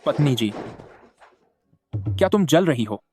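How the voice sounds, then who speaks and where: A man voicing a cocky, teasing young husband in a dubbed drama, over loud background music. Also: mid-range voice, big pitch swings, takes it slowly, breathy edge, exaggerated voice. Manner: teasing, self-assured. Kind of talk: Hindi-dubbed short drama.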